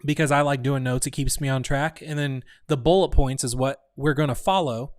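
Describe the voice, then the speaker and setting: A man's voice: mid-range voice, fairly quick, no echo, clean studio sound. A man hosting a casual live stream for his online community, rambling and thinking aloud, often restarting his sentences. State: hiccuping. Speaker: community host.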